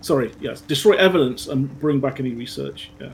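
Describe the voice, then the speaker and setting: A man's voice: mid-range voice, fairly quick, over a noisy crowd. A man narrating a tabletop horror game as game master, reading out a briefing and then explaining loosely with many fillers.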